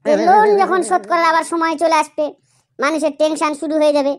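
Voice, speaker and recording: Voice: very high voice, fairly even intonation, fast. A performer voicing a cheeky, argumentative schoolchild in a comedy cartoon, explaining things at length. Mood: mock explaining. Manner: cheeky, long-winded explaining. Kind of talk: comic cartoon dialogue.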